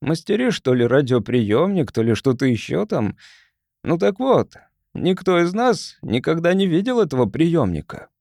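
A man giving an expressive, dramatic audiobook narration. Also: a little high, normal speed, vocal fry, no room sound, clean studio sound.

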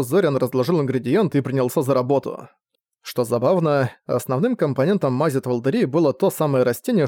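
A male narrator reads a fantasy audiobook in an even, steady voice at an ordinary middle pitch. The recording is dry and close, with no room echo.

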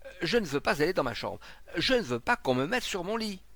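A man's voice: medium pitch, expressive, fairly quick, creaky, fairly bright tone, no echo. A man voicing a terrified villager who stammers and pleads in fear. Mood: panicked.

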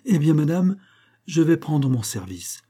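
A man voicing a calm, scheming young female maid, politely deferential and matter-of-fact. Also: fairly high pitch, measured pace, pitched above the performer's own voice.

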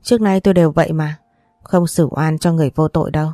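A woman's voice: deep voice, steady tone, fast talker, dark tone, no echo, studio quality, faint music behind, natural voice. A woman reading the part of a stern, commanding elderly grandmother in an audiobook, with a scolding, authoritative manner.

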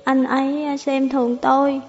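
A woman's voice: sits high, flat delivery, a little slow, in a large hall. A woman voicing a drunk, heartbroken young woman who rambles tearfully, over faint music. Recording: slightly dull audio, faint music.

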